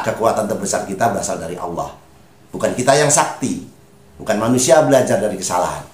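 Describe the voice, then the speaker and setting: A man preaching religious advice in a lively, emphatic way, often calling his listeners brothers. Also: lowish voice, roomy sound. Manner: preachy, repeatedly addressing listeners as brothers, rising emphatic calls. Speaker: spiritual advisor on Javanese birth days.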